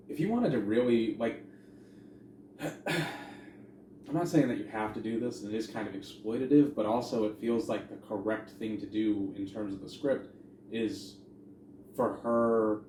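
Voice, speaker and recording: Male podcast co-host, casual and profane, low voice, distant echoey room recording. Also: a little slow, pauses often, mellow. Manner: rambling, profane, retells scenes in quoted voices. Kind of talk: casual movie review chat. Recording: echoey room, distant from mic, faint noise.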